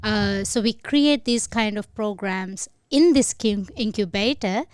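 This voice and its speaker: A woman from Sri Lanka, a podcast guest, explaining her program in a measured way with some hesitant fillers. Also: mid-range voice, clear, resonant tone, no echo, studio quality. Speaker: guest, incubator head. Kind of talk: podcast interview.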